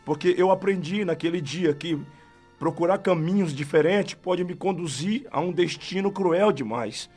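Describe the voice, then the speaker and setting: A Brazilian man with a fairly high voice tells his testimony as an evangelist on a radio show. He speaks fervently and keeps calling out to God along the way. Soft music plays behind him in the studio. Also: normal speed. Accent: Brazilian Portuguese.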